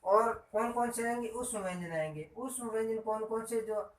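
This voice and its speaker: A Hindi grammar teacher with a high voice speaks at normal speed, off-mic in an echoey room. He gives a classroom-style grammar lesson, repeating points and quizzing listeners with questions.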